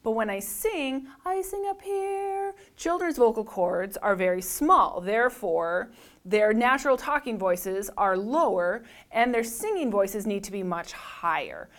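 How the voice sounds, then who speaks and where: A woman with a low alto voice talks through a music lesson. She explains each step, then sings sirens and single notes to show how it's done. She speaks in a plain instructional way. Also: lively intonation, a little slow, fairly bright tone. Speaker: music teacher. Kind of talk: instructional talk to camera.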